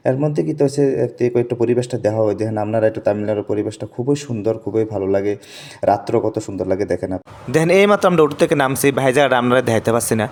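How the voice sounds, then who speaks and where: A man's voice: lowish voice, lively intonation, rapid-fire, a little mellow. A man, narrating a casual vlog on the streets as a joking, teasing storyteller. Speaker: vlogger.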